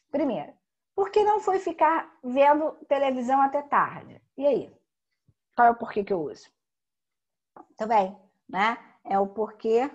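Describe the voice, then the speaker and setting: Husky-voiced woman teacher explaining patiently. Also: on the high side. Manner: slow emphatic explaining with frequent tag questions. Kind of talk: recorded grammar lesson.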